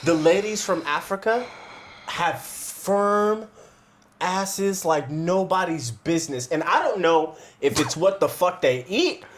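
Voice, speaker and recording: A man's voice: high voice, expressive, takes it slowly. A man co-hosting a podcast, bantering in a loose, profane, laughing way. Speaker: podcast co-host. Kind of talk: casual crude banter.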